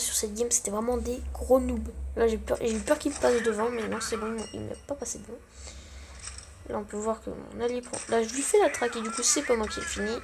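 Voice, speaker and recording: A woman's voice: fairly high pitch, creaky, background noise. A young woman giving casual, self-mocking gameplay commentary, full of gamer slang. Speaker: gaming channel host.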